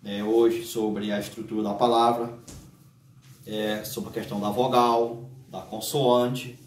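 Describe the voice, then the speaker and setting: A man's voice: fairly low pitch, flat delivery, slow pace, darkish tone, distant mic, slight background noise. A male teacher who takes his time and asks his class questions, drawing each word out one syllable at a time. His voice sits a bit away from the mic in a roomy, echoing space. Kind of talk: grammar lesson. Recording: echoey room, voice from off mic.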